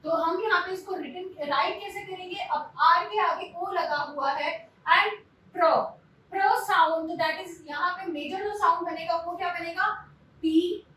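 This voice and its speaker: A woman's voice: very high voice, normal speed, hardly any pauses, sharp tone, slight background noise. A woman teaching linguistics, explaining step by step and asking her class rhetorical questions. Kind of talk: classroom lecture mixing Hindi and English. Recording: very echoey room, voice from a distance.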